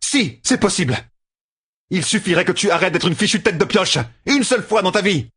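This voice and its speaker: A man's voice: lively intonation, fairly quick, slightly rough, heavily acted. A man putting on a fierce young woman leader. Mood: pleading. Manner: pitched far up, sharp and scolding.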